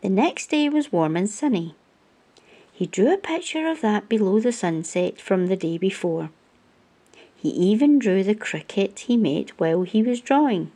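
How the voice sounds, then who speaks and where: A woman hosts a storytime, reading a picture book aloud to children. Her medium-pitched voice is soft-edged and mellow, and she takes the sentences slowly with lively rises and falls in her storyteller phrasing.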